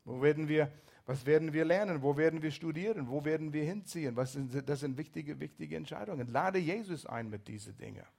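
A man preaching a sermon with a few slips, swinging between loud emphatic exhortation and hushed, near-whispered asides. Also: a little high, fairly quick, gravelly. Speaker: pastor.

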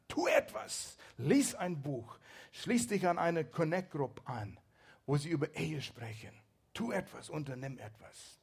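A man preaching a sermon with a few slips, swinging between loud emphatic exhortation and hushed, near-whispered asides. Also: on the high side, gravelly, husky. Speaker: pastor.

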